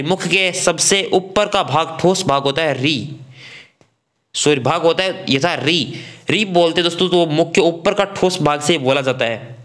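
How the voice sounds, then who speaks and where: Casual male grammar teacher, higher voice. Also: fairly bright tone. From Rajasthan. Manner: casual, addresses students as friends, sounds out vowels. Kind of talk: online exam-prep grammar class.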